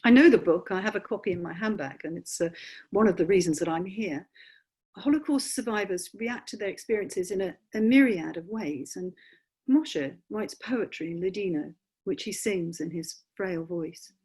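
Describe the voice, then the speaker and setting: A woman's voice: mid-range voice, normal speed, a little mellow, breathy edge. A woman journalist narrating a documentary in an earnest, thoughtful way.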